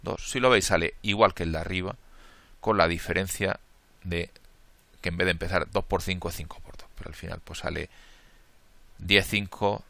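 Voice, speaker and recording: A math lecturer with a Spain Spanish accent works through a combinatorics problem step by step, counting aloud, thinking as he goes and fixing his own slips. His voice sits low and gravelly, with a sharp tone, a moderate pace and frequent pauses. There is no room sound.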